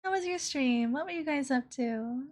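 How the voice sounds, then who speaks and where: A woman livestreamer with a cutesy, playful, excitable anime-streamer manner, chatting casually and greeting viewers. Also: sits high, normal speed. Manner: excitable, exclaiming. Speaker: live streamer.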